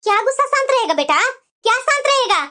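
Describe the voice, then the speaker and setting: A woman's voice: extremely high pitch, sing-song, fast talker, bright, forceful tone, heavily acted. A woman voicing a stern, bitter older mother-in-law in a cartoon, scolding and sarcastic.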